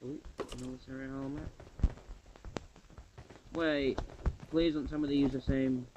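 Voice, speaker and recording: A man giving chatty, excitable gameplay commentary to his viewers. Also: mid-range voice, unhurried, lo-fi sound, background noise. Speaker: gamer.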